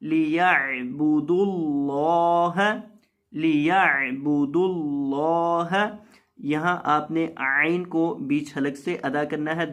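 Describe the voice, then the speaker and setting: A Quran teacher giving a tajweed lesson, reciting each word slowly and drawn out several times, then explaining the rules in quick, softer asides. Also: medium pitch.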